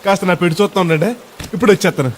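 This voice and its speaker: An actor playing a naive, middle-aged village man on his first flight, loud and rustic, mangling English words. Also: high-pitched, very fast, a little hiss or hum, natural voice. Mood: chatty. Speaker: actor in a film comedy scene. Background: film background music.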